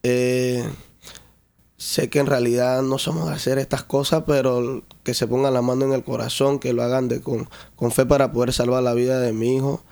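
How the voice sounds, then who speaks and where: A young father with a Panamanian Spanish accent speaks in an earnest, halting way, often restarting his sentences. His voice is gravelly, with a flat, steady pitch. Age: young adult. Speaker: father seeking help. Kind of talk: interview.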